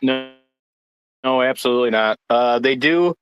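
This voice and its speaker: A man from Michigan, a guest darts player, chatting casually and haltingly, with lots of restarts and fillers. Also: medium pitch, a bit bright, clean tone, dry recording, rough recording. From Michigan, United States. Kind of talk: casual chat.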